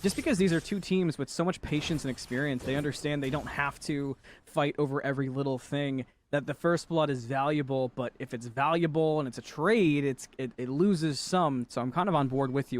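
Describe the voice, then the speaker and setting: Male play-by-play caster, slightly high voice, light banter, faint background noise. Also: fairly quick. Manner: jokey, bantering. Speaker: esports caster. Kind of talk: play-by-play commentary.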